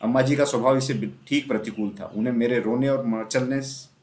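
A man narrating a classic children's story aloud in a steady storytelling manner. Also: mid-range voice, fairly quick. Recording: roomy echo.

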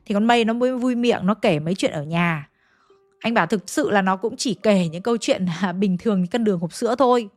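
A woman's voice: medium pitch, a little fast, a little mellow, no echo. A woman with a Hanoi accent retelling a ghost story in a chatty, dramatic way, speaking straight to her listeners. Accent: Hanoi Vietnamese.

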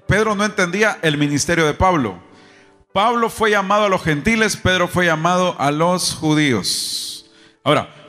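A man preaching to a congregation with a slightly high voice, firing off questions and urging the crowd to answer back. The sound rings with a long reverb, and faint guitar music plays underneath. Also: sharp tone. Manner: rhetorical questions and call-and-response with the congregation. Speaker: pastor. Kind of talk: sermon. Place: church service.

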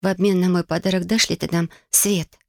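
A reader voicing an exhausted young woman spirit summoner, speaking quietly in a cracked, tired voice. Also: mid-range voice, flat delivery, a little fast, gravelly, dry recording, clean studio sound, close to an everyday voice. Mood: coaxing. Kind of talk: audiobook dialogue.

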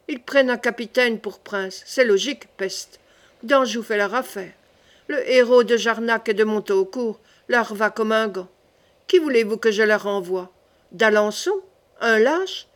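A rash, boastful young king, read by a woman, who talks in bold bursts and mocks freely. The voice sits a little high and lively. It is a plain storybook reading. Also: close to an everyday voice.

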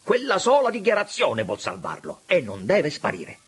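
A man's voice: mid-range voice, very animated, a little slow, fairly bright tone, slightly rough, full character voice. A man reading an audiobook, voicing a proud, indignant young man who speaks in raised, urgent outbursts. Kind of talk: audiobook character voice.

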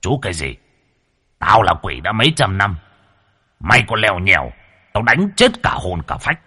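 A man's voice: fairly low pitch, huge pitch swings, normal speed, sharp tone, exaggerated voice. Man doing a sneering demon underling. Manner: sneering, rough. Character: mocking male demon underling, brutish.

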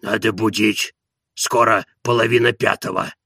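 A man's voice: lowish voice, steady tone, moderate pace, creaky, bright, forceful tone, no echo, studio quality, full character voice. A man voicing an old, stubborn manservant who scolds and coaxes in a folksy way. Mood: grumbling.

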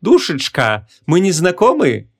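A man's voice: a little high, huge pitch swings, measured pace, pitched above the performer's own voice, exaggerated voice. A man voicing a small, dainty male sorcerer with a sugary sweet voice, playful and smug in an audiobook.

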